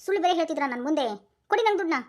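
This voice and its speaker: A woman's voice: very high-pitched, animated, rapid-fire, a little mellow. A woman voicing a bossy young wife in a Kannada cartoon, with a North Karnataka accent, scolding and coaxing by turns. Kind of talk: cartoon voice acting.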